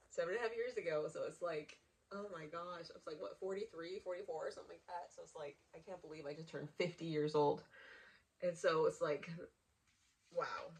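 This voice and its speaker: A woman of fifty giving an emotional, halting personal check-in, with many restarts. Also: on the low side. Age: 50s. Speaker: vlogger. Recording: quiet voice from far off the mic.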